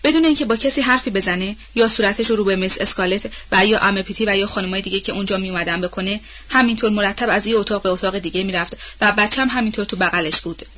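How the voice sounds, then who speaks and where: A woman's voice: medium pitch, a bit bright, dull audio, close to an everyday voice. A woman voicing an anxious, gossipy old household nanny woman in an audiobook, talking in a rambling, colloquial way. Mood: worried. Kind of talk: audiobook role-play reading.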